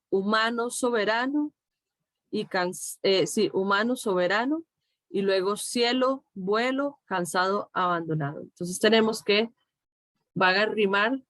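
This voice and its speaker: A woman's voice: medium pitch, no room sound. A middle-aged woman teacher with a Costa Rican Spanish accent, patiently explaining step by step in a recorded tutorial. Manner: slow, patient, explaining step by step with checks like "¿de acuerdo?".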